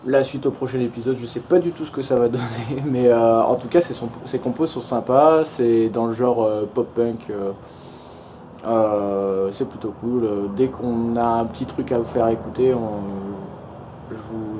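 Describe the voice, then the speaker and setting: A man's voice: medium pitch, fairly even intonation, normal speed, noisy background. A young man from France narrating a casual vlog tour of a house and garden, hesitant, with many fillers and restarts. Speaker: travel vlogger.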